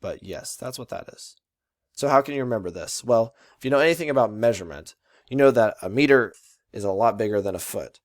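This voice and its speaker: A man's voice: lowish voice, animated, brisk, dry recording, clean studio sound. A young man explaining a lesson in a chatty way, tapping out stressed syllables aloud to show rhythm. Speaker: student presenting a lesson.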